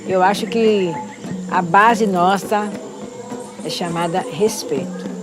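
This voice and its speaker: A woman speaks reflectively in an interview and often pauses to search for her words. She talks very slowly. Music plays clearly underneath her voice. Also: mid-range voice.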